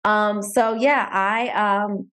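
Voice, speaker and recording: A woman in her forties, a lawyer talking through her background in a relaxed, thoughtful way with many pauses. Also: mid-range voice. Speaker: guest, entertainment lawyer. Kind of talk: casual interview talk.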